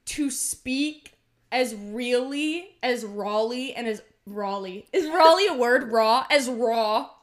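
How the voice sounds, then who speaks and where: A woman's voice: a little high, expressive, takes it slowly. A young woman co-hosting a podcast, chatting casually and bubbly, full of "like" fillers. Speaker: podcast co-host. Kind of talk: casual chat.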